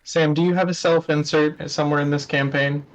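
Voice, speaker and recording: A man's voice: a little high, level tone, fairly quick, poor audio. A man playing in an online tabletop game, chatting casually and teasing the others. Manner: teasing, joking. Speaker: player.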